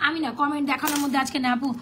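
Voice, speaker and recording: Hoarse, fast, high-pitched Bangladeshi saleswoman. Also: little pitch movement, heavy background noise. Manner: chatty, mixes English sales phrases. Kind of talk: live sales stream.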